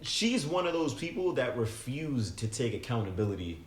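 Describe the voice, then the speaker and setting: A man's voice: medium pitch, very animated, normal speed, echoey room, slight background noise. A man co-hosting a podcast, telling a story in a casual, slangy, profane way. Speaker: podcast co-host. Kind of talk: casual chat.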